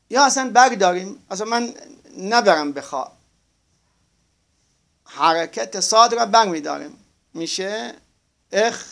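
A man teaching a grammar lesson, spelling out words slowly and asking his students to confirm they follow. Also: sits high, vocal fry, fairly bright tone. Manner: slow, drawn-out spelling of words, asks class to confirm.

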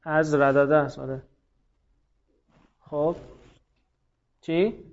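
A man with a fairly high voice teaches a classroom lesson, firing questions at students, praising correct answers and running quickly through the rules. The recording is dull and lo-fi. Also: fairly even intonation. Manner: quizzing students, brisk explanations, frequent praise.

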